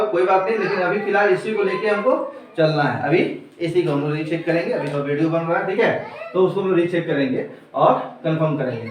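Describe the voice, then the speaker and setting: High-voiced male teacher in echoey classroom. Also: slight background noise. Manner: quizzes students, repeats answers back. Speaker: commerce teacher. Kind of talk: classroom lecture. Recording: echoey room, mic far off.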